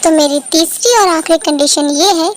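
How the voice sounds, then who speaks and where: A woman's voice: very high-pitched, moderate pace, slight background noise. A woman playing a hurt, demanding father. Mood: stern. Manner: stern, reproachful. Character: strict father of two teens, hurt and demanding. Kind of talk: Hindi fan dub.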